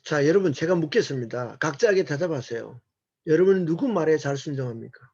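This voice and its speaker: Earnest male church lecturer, high and husky, on a muffled lo-fi recording. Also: expressive, fast talker, darkish tone. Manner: earnest, asks the audience rhetorical questions. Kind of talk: sermon-like lecture.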